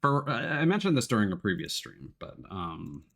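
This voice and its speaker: Here a let's-play host with a fairly low, creaky, fairly bright voice talks at normal speed, very animated. He's setting up a game stream indoors at his computer, chatting loosely with viewers and thinking out loud in informal gamer talk with occasional swearing, miked close at his desk.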